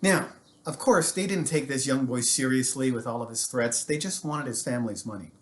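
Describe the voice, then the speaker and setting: Talking briskly over slight background noise, an American man who teaches storytelling recounts history. His medium-pitched voice stays animated and casual, and he tosses in joking side comments as he goes.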